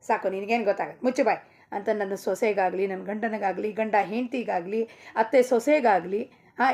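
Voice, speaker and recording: Gravelly middle-aged woman preaching emphatically. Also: mid-range voice. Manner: emphatic preaching with repeated phrases and rhetorical questions. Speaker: spiritual teacher. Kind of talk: devotional discourse.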